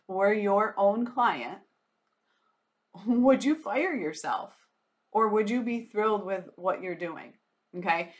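A woman hosting a business podcast on her own, talking casually and frankly, with lots of fillers and quick laughs. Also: lowish voice, a bit bright. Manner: chatty, frank, laughs easily, many fillers. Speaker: podcast host, business strategist. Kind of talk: casual solo podcast monologue.

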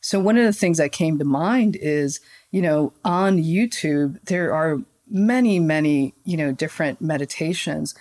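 Low-pitched woman, calm and flowing, talks listeners through a meditation like a soft guide. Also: a little slow, few pauses. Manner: calm, flowing, gently guiding. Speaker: podcast guest, spiritual channeler. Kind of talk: conversational podcast interview.

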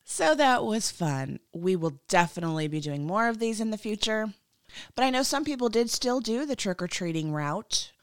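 A woman's voice: mid-range voice, sing-song, measured pace, clean tone, dry recording, clean studio sound. Joking woman hosting a podcast. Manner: chatty, joking, self-mocking. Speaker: podcast host. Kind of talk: casual solo podcast chat.

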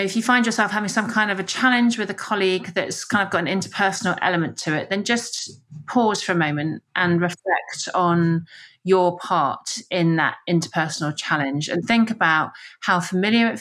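A woman's voice: medium pitch, normal speed, fairly bright tone. A woman co-hosting a coaching podcast, speaking in a reflective, casual way and often affirming with "yeah". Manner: reflective, many affirming yeahs. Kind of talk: casual conversational podcast chat.

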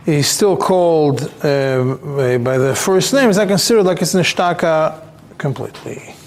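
A somewhat high-voiced man leads a religious text class. He speaks haltingly, circling back and repeating words and fillers as he works through each point. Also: lively intonation, a little hiss or hum. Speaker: rabbi teaching a Talmud class. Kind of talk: explaining halachic texts to a class.

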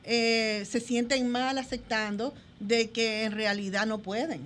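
A woman's voice: fairly high pitch, fairly even intonation, a little slow, a bit bright, slight background noise. A woman behavior specialist explaining at length on a radio talk show, speaking directly to the listener.

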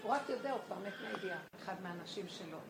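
A woman's voice: medium pitch, expressive, gravelly. A woman giving a spiritual talk, telling stories of a rabbi and emphatically appealing to her listeners, recorded in an echoey room with noise behind her.

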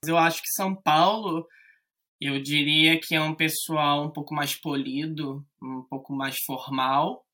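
A man from Rio de Janeiro with a Carioca accent, chatting as a guest in a relaxed, hesitant way with many fillers. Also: fairly high pitch, measured pace. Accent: Carioca Brazilian Portuguese. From Rio de Janeiro, Brazil. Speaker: guest, English teacher. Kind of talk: casual chat.

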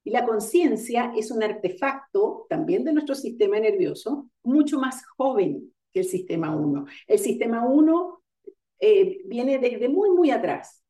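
A woman giving an online lecture on coaching, explaining ideas step by step and pausing with fillers to gather her thoughts. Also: on the high side, expressive, mellow. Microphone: video call. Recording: roomy sound, far from the mic.

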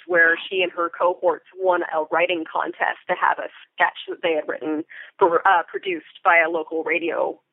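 A middle-aged American woman, a theater Foley artist, is the guest in an interview, speaking in wordy, articulate phrases full of vivid examples. Her voice sits at medium pitch, and the dry recording comes through a band-limited, phone-like line.

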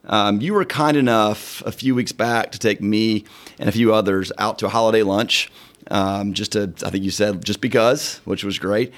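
A middle-aged man, a lawyer hosting a podcast from a law firm conference room, chats casually in an upbeat, friendly and sincere way. His voice sits on the low side at normal speed.

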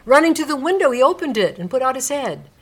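A woman narrating a classic story in a live radio reading, expressive and dramatic, lingering on descriptive words. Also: sits high, quick pace, slightly rough.

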